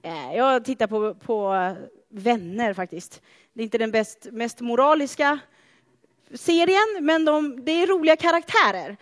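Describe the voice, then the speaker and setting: A woman preaching a sermon in a church, telling stories in a chatty, animated way with playful asides to the congregation. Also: on the high side. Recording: long church reverb.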